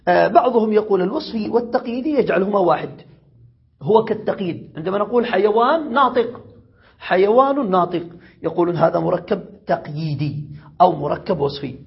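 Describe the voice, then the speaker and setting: A grammar teacher from Yemen with a high, very husky voice, pausing to ask if the class follows. The recording is dull and lo-fi. He repeats each example before moving on. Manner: asks checking questions, repeats examples.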